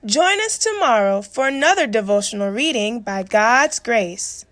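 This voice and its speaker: A woman's voice: on the high side, animated, a little slow, fairly bright tone, no echo. A woman reading scripted devotional words and scripture.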